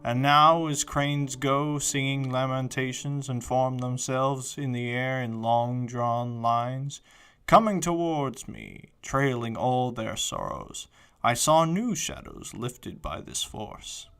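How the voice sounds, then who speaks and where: A man gives a dramatic, declamatory poetry recitation like a stage actor, solemn and deliberate in his phrasing. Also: mid-range voice, fairly bright tone, clear, resonant tone. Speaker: poetry reader. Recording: reverberant hall sound under music.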